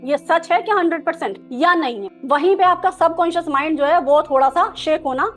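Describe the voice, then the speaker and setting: A woman with a high, light voice leads an online coaching workshop over a video call. She explains patiently and gives step-by-step instructions, dropping English terms into her sentences. Faint music plays quietly behind her. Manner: coaxing and instructive, mixing English terms into Hindi; guides a slow breathing exercise. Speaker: NLP coach leading a workshop. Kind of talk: live online workshop teaching.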